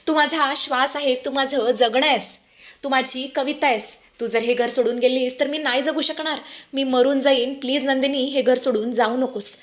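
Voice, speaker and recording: A woman's voice: high voice, fairly even intonation, moderate pace, a bit bright. A woman voicing a devoted young husband who pleads with his wife. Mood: imploring. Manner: imploring.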